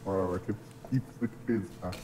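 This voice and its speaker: Man through a deep voice changer. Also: steady tone, fast, crowd noise. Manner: blunt, swears constantly. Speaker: guest streamer. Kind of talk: casual podcast chat.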